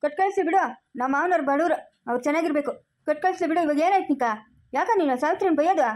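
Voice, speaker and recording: A woman with a very high voice argues insistently and very fast. She plays a son who defends his wife in an amateur family drama. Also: a little mellow. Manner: insistent, argumentative.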